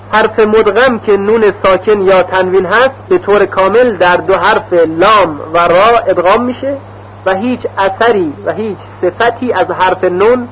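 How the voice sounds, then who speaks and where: A man with a high voice teaching recitation rules in a measured, deliberate way. He stretches out the example syllables as he demonstrates them. The recording is dull and lo-fi, with a faint hum underneath. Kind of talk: slow instructional explanation with recited examples.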